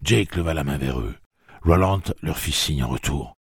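A man with a very deep, gravelly voice narrates an audiobook at an unhurried pace. His tone rises and falls a great deal, and the sound is close and dry. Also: lively intonation, no echo.

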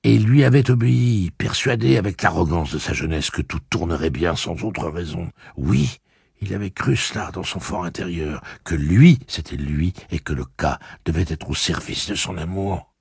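A man narrating an audiobook in a measured, solemn manner. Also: sits low, gravelly, a little mellow, husky, no room sound, clean studio sound. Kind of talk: scripted narration.

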